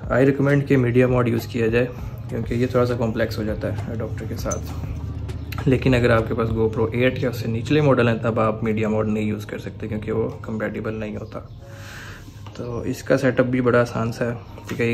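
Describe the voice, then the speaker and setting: Soft music plays behind a young motovlogger speaking at a normal speed in a mid-range, level voice with a Pakistani Urdu accent. His relaxed tutorial covers his motorcycle camera and mic gear, and he regularly checks in with the viewer by asking "theek hai."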